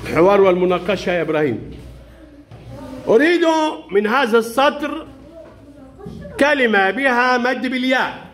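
A man teaching young pupils in a classroom, brisk and playful, calling each child up by name. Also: extremely high pitch, expressive, a bit bright, a little hiss or hum. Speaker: primary school Arabic teacher.

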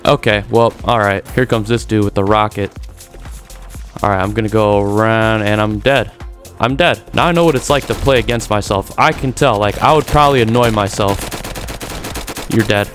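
A man giving excitable live commentary over his own video game play, trash-talking opponents and reacting as he goes. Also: lowish voice, moderate pace. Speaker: gaming YouTuber. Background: game music and gunfire.

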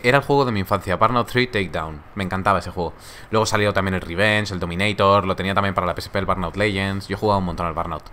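A young man chats on a live stream in a laid-back, joking way. His voice sits low but sounds bright and forward. A faint hiss stays under the talk. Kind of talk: casual live-stream chat reading viewer comments.

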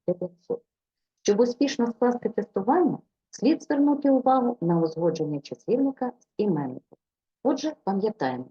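A woman teacher explains a grammar lesson in a clear, deliberate delivery, her pitch rising and falling a lot. Her voice is husky and very dark and mellow. The recording is dull and lo-fi. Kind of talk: scripted lesson.

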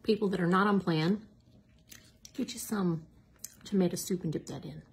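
A woman's voice: lowish voice, moderate pace, a little hiss or hum. A middle-aged woman, chatting casually and self-mockingly as a diet coach in a cooking vlog. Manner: chatty, self-mocking, drops to a whisper at times.

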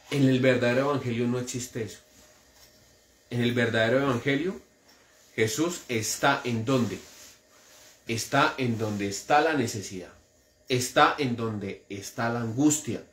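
A man preaching a sermon with a Colombian accent, animated and mocking as he mimics would-be prophets. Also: mid-range voice. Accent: Colombian Spanish. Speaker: pastor. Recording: echoey church room.

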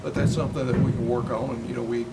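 An older man, a head football coach, answering postgame questions in a steady, plainspoken way with many fillers. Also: mid-range voice, racing, creaky. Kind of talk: postgame interview. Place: indoor interview backdrop. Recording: distant mic with loud noise.

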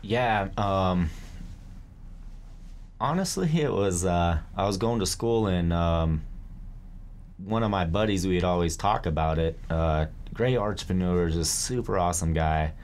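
A man's voice: low-pitched, measured pace, a little mellow, a little hiss or hum. A man in his thirties, a barbershop owner, talking casually and laid-back in an interview, with slang and easy laughs. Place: barbershop, indoors.

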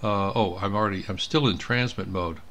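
Working at a computer indoors, this amateur radio operator talks through a casual screen tutorial, thinking aloud as he goes. He speaks briskly in a fairly low, somewhat bright voice.

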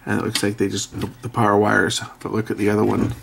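Speaking quickly in a completely flat, low-leaning voice with vocal fry, this middle-aged repair video host works hands-on at an indoor bench. His remarks are offhand, blunt, and mildly grumbling, over faint background noise that includes clicking.

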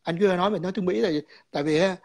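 Guy calling in to a chat, high-ish voice, keeps repeating words and restarting his sentences. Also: very fast, vocal fry, darkish tone. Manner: mixes English words into his speech. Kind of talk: casual chat, explaining views.

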